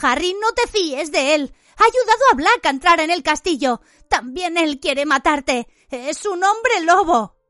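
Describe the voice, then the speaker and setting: Hermione: a woman voicing a shrill, frightened teenage girl. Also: expressive, unhurried, hardly any pauses, a bit bright, no echo, studio quality. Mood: accusing. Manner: cries out in high, strained bursts. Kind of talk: audiobook character reading.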